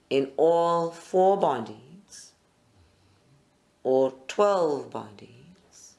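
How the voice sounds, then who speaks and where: This meditation guide has a mid-range voice and leads a live group session, offering short, deliberate phrases with pauses in between.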